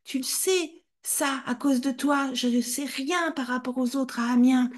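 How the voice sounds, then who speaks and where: A woman voicing a furious teenage boy who shouts and sobs at his mother in rage. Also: animated, a little slow. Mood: raging. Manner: shrill, shouting, tearful rage.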